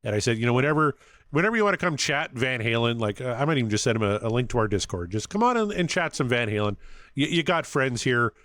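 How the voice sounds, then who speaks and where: A man's voice: medium pitch, expressive, fast, dry recording. Friendly male podcast co-host. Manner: friendly, earnest shout-outs to listeners. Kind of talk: casual podcast chat.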